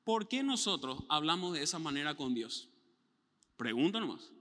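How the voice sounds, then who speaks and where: A man's voice: on the high side, big pitch swings, moderate pace, pushed and bright, big-room sound. A man preaching a sermon as pastor, telling stories animatedly, imitating sounds and voices.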